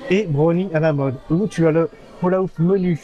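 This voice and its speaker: A man's voice: fairly high pitch, moderate pace, mellow, highs cut off, faint music behind. A man hosting a casual vlog, reading a diner menu aloud with many hesitant fillers and teasing his companion. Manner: playful and affectionate with his companion. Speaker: vlog host. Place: American-style diner restaurant.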